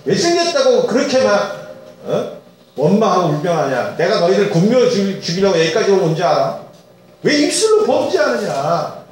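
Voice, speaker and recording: A man's voice: sits high, sing-song, moderate pace. A preacher acting out a stern male God scolding grumblers with rebuking questions, in an echoey hall. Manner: rebuking, shouting rhetorical questions. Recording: echoey church hall, distant mic.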